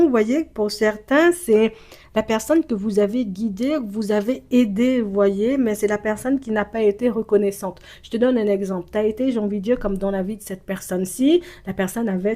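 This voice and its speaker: Rambling woman with a mellow voice. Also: mid-range voice. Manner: rambling, with stammered repeats and constant verbal fillers; slips into first-person speech for the absent person. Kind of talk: spoken intuitive reading addressed to the viewer.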